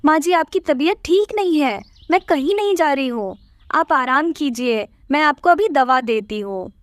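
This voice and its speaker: A woman voicing a humble, gentle young wife bird in a cartoon, speaking politely and softly. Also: sits high, animated, moderate pace, no echo. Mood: concerned. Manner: polite, soft-spoken.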